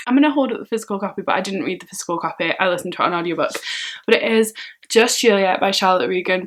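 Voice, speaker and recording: A woman's voice: mid-range voice, fairly bright tone. A young woman, chatting enthusiastically in a casual book review vlog. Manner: chatty and enthusiastic, frequent fillers like "like". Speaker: book vlogger.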